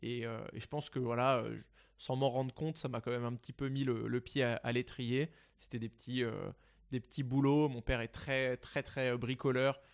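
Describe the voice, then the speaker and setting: In an interview, a young man from Seine-et-Marne, France, a guest investor, recounts his story in a casual way, often using fillers and restarting. His gravelly, mid-range voice moves at a moderate pace with fairly even intonation.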